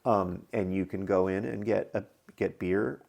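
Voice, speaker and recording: Male podcast co-host with a gravelly voice, loose and rambling, fired up on his pet topics. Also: deep voice, a little slow. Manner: rambling, hedging with fillers, animated when ranting. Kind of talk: casual chat.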